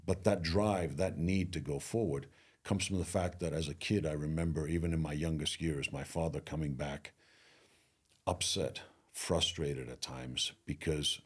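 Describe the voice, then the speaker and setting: Middle-aged male coach-speaker from Greece. Very deep and husky, earnest and motivational in interview. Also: steady tone. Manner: earnest, motivational, slows down on key phrases. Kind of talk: interview conversation.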